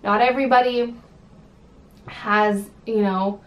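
Young cali woman rambling slow and sassy, roomy echo. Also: medium pitch, fairly even intonation, recorded from a distance. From California. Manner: chatty and sassy, lots of ums. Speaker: vlogger. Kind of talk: casual chat. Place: home room. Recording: echoey room with faint background hiss.

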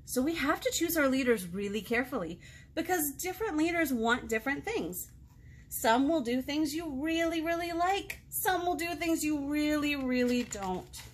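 In a small indoor room, seated in front of a book display, an American librarian in her thirties hosts a children's storytime, reading and chatting in simple, expressive phrases for young listeners. Her voice sits high, and there is slight background noise.

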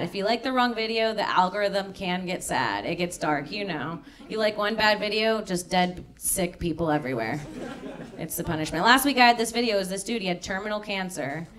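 On stage at a comedy club, a young stand-up comedian works a live crowd with a handheld mic, her fairly low voice chatty and deadpan as she lands dark jokes. The audience laughs in the background.

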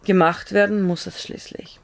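A woman's voice: mid-range voice, steady tone, normal speed, natural voice. A woman voicing an injured male frontier doctor who gives sober, matter-of-fact instructions in an audiobook reading. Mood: calm.

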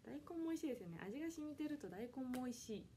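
Talking very fast in a high, expressive voice over a very noisy recording, a twenty-year-old from Kanagawa, Japan, runs a casual solo livestream from her home. The idol audition streamer stays polite, reading comments aloud and apologizing again and again.

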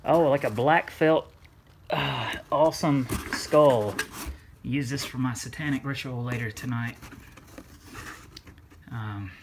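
A man casually chatting as he unboxes a gift at home, rambling and swearing freely, often breaking into excitement. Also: medium pitch, slow, gravelly, long pauses, background noise. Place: home room.

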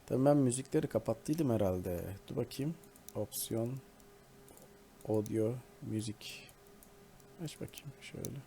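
A man giving casual, joking commentary over his own gameplay, often talking to the characters on screen. His voice sits at an ordinary middle pitch, with a faint hiss in the background. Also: measured pace, long pauses, dark tone. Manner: playful, joking, talks to the game. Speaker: gaming video host. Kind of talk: casual let's-play commentary.

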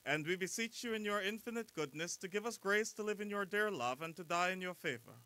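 A man reading the committal prayer at a burial in a solemn, deliberate way. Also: high voice, pushed and bright, clear, resonant tone. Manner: solemn, deliberate, slowing on key phrases. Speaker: officiant at a burial service.

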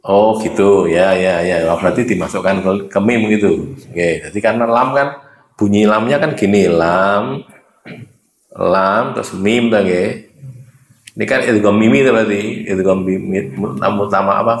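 A man's voice: on the low side, normal speed, roomy sound. A man with a Javanese accent teaching Quran reading at a religious study, explaining patiently and chanting letters aloud. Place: mosque.

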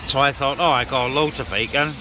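A CB radio hobbyist vlogs on open, breezy moorland beside a car, chatting casually and colloquially to a handheld phone or camera held by an operator. His medium-pitched voice is brisk, and vehicle and ambient noise fill the noisy recording.

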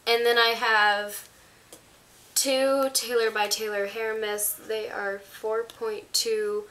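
Sounding a little high, level, pushed and bright, a teenage girl takes it slowly as she shows products to the camera standing before her. She's a congested, unwell vlogger chatting in a rambling, casual way in her small bedroom.

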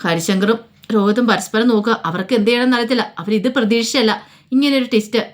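Fast-talking woman storyteller. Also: a little high. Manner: rapid, casual retelling. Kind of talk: colloquial story narration.

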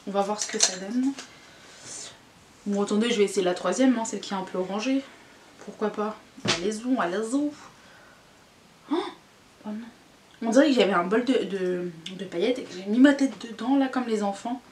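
A woman's voice: mid-range voice, moderate pace, long pauses, a little mellow. A woman beauty vlogger giving a casual, candid makeup review, chatty and full of fillers and groaning exclamations. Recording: echoey room, faint noise.

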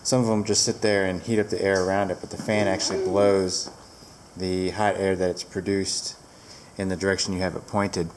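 Very low-voiced woman reviewing a heater. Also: normal speed, noisy background. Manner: relaxed, rambling, with fillers. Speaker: product reviewer. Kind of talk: casual product review. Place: large barn indoors, door open to wind. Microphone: handheld camera.

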